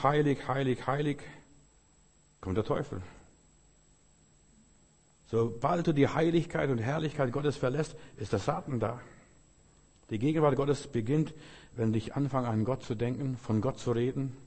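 A man's voice: mid-range voice, a little mellow, breathy edge, in a large hall. A man preaching a sermon with emphatic repetition, often quoting scripture.

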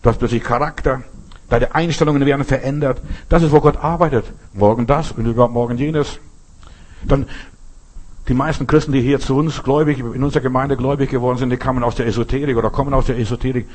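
A man's voice: medium pitch, fairly even intonation, fast talker, a little mellow. A man giving an informal, conversational sermon, speaking straight to the listener with frequent questions. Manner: conversational, addresses listener directly with frequent "verstehst?". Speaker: preacher.

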